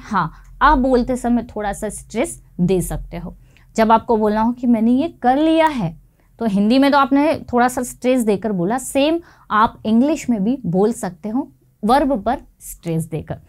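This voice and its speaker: A young woman with a fairly high voice teaches an online lesson. She walks through each rule patiently and slows right down on every example sentence so listeners can follow. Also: darkish tone. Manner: explains step by step and says each English example slowly. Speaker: English teacher.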